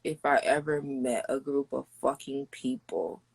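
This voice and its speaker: A woman's voice: a bass voice, steady tone, unhurried, gravelly, husky, rough recording. A young woman from Haiti in casual chat, speaking bluntly with some swearing and frequent laughter.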